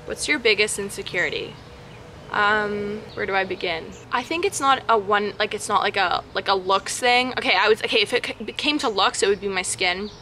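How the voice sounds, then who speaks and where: Bright-voiced young woman, casual and candid. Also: medium pitch, normal speed, slight background noise. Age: young adult. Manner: candid, frank, slangy. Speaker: vlogger answering viewer questions. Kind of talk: casual chatty Q&A. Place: backyard, outdoors.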